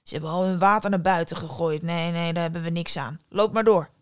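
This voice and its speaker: A woman's voice: on the low side, brisk, smooth, dry recording, clean studio sound, voice pushed down, close to an everyday voice. A woman voicing a hanged man who is thirsty, laid-back and callous, in a storytelling podcast. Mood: offhand.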